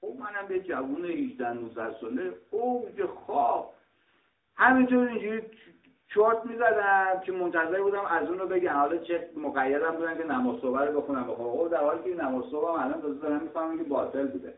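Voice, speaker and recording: A middle-aged man from Iran teaching a scripture lesson, arguing points and explaining word meanings, often clearing his throat. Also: fairly high pitch. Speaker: religious teacher. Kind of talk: lecture on scripture. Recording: tinny, roomy, distant mic.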